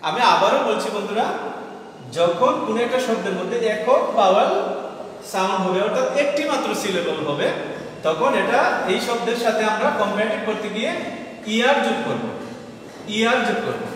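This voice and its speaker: A man with a fairly high voice teaches grammar, patient and methodical, repeating each key word slowly. He sounds set back from the mic in a strongly echoing room with a long reverb tail. Faint room ambience sits behind him. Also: expressive, a bit bright, distant mic, a little hiss or hum. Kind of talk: explaining lesson to students.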